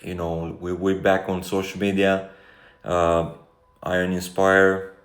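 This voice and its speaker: Romanian man, low monotone, reflective vlogger, casual chat, roomy sound. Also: slow. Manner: reflective, rambling, many fillers. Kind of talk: casual life-update monologue. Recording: echoey room, faint background noise.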